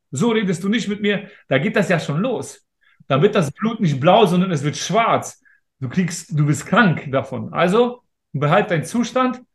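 A man in his thirties, an interview guest talking in a casual, emphatic and motivational way. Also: high voice. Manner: emphatic, motivational, talks straight to listeners. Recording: roomy echo.

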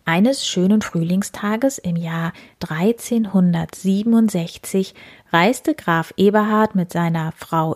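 A woman's voice: on the low side, a little mellow. A woman hosting her own show, reading a children's story aloud in a chatty storytelling manner. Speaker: storyteller host.

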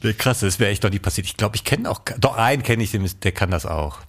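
Male co-host, low voice, easygoing jokey banter with frequent laughs. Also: quick pace. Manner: relaxed, joking, laughs often. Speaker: podcast co-host. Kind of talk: casual chat.

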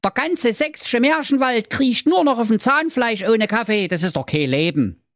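A man's voice: extremely high pitch, lively intonation, moderate pace, a bit bright, dry recording, studio quality, voice pushed up. A man voicing a foolish, cheerful young man in a comedic storybook, talking in a goofy, chirpy voice. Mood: naive cheerful.

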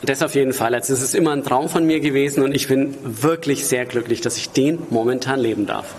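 A man's voice: mid-range voice, quick pace, a little mellow, a little hiss or hum. A man in his forties with a Franconian accent and a rolled r, answering conversationally as an interview guest. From Franconia, Germany. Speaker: poet and author, interview guest.

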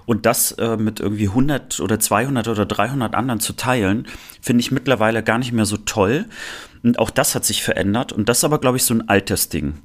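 A male co-host from the former Soviet Union talks a little fast in a voice on the low side. His casual chat is scattered with fillers and frequent restarts.

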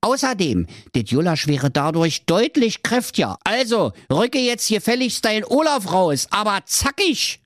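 A narrator voicing an ugly little evil male company doctor, squeaky, bossy and gloating. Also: sing-song, a little slow, hardly any pauses, no room sound, clean studio sound.

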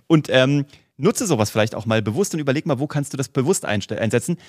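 Lebhafter Podcast-Moderator, trocken aufgenommen. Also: male voice, mid-range voice, dry recording, studio quality. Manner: lively, laughs often, quick storytelling. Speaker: podcast co-host. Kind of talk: casual podcast chat.

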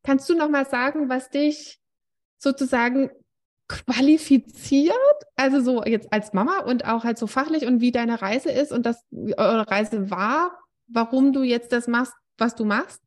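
A woman host chats in an eager, rambling way, tossing in fillers and racing through asides. Her voice sits a bit high. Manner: enthusiastic, rambling, quick-talking. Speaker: podcast host. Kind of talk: casual podcast conversation.

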